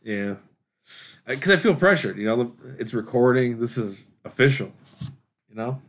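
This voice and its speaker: A man's voice: medium pitch, lively intonation, a bit bright. A man co-hosting a casual podcast, swearing and trailing off as he talks, recorded through a laptop's built-in microphone. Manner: profane, halting, trailing off. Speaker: podcast co-host. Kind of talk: casual unscripted podcast chat. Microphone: built-in laptop microphone, no studio gear.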